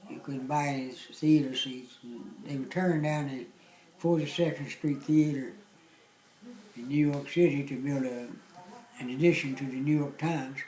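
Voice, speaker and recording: An older man from southwest Virginia with an Appalachian accent, casually recounting memories in a folksy, halting way. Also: medium pitch, fairly even intonation, warm tone, roomy sound, poor audio. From southwest Virginia, United States. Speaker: interviewee recounting local memories. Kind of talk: casual oral-history reminiscing.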